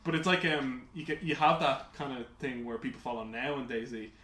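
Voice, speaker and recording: A man co-hosting a casual gaming podcast, telling rambling, animated stories full of "like"s. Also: medium pitch, fairly quick. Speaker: podcast co-host. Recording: roomy with faint hiss.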